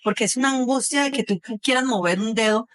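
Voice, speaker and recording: A young woman with a fairly high voice talks fast, with no echo, as a guest on a podcast. In this personal testimony she describes her own hard experiences with emotion, retelling events with quoted speech and sounds as she acts out what others said.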